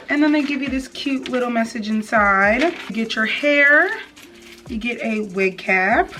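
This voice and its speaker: This young adult beauty vlogger's voice sits a little high and sounds somewhat bright. With background music playing in her small plain-walled room, she talks to her audience in a relaxed, slang-filled tutorial manner.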